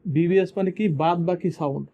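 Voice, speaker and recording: A man from Bangladesh teaching English grammar, repeating sounds and words slowly and asking and answering his own questions. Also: high-pitched, highs cut off. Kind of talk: classroom lesson.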